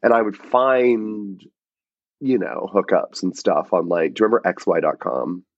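A man's voice: sits low, normal speed, no echo. A man from Georgia in casual chat, rambling and full of fillers like "like". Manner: rambling, filler-heavy with many likes. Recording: dull lo-fi sound.

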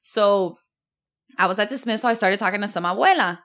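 A bright, crisp-toned woman in middle age, from Miami, chatting casually on a podcast. She tells stories fast and freely, quoting the people she meets and laughing often. Her voice sits at an ordinary pitch. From United States (Miami). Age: middle-aged. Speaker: podcast co-host, guest.

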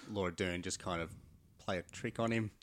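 A man's voice: low voice, fairly even intonation, moderate pace, a bit bright, no echo, clean studio sound. A man co-hosting a casual podcast chat, mostly chiming in with short agreements.

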